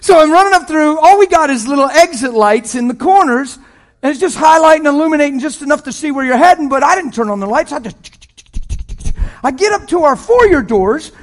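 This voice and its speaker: A man in his fifties, a pastor, tells stories in a sermon with lots of animation and frequent laughter, dropping to a hush and rising to a shout. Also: very high-pitched, fairly quick. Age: 50s. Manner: animated, laughs often, swings from hushed to shouting. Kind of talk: sermon storytelling.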